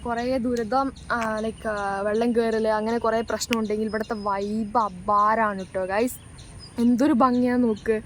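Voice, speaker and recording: High-voiced Malayali woman mixing in English, noisy outdoors. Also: little pitch movement, moderate pace, a bit bright. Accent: Malayali, northern Kerala. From Wayanad, Kerala, India. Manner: mixes English words into Malayalam; enthusiastic, addresses viewers constantly. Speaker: travel vlogger. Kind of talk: casual travel vlog narration to viewers. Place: outdoors by backwaters, paddy fields and on a canoe. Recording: noisy outdoor recording with ambient sound.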